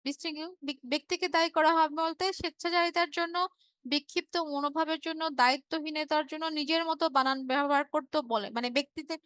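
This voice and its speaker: A woman's voice: high voice, fairly even intonation, fast, a bit bright, no room sound. A woman teacher from Bangladesh giving an online revision class, explaining patiently, repeating key words and checking in with her students.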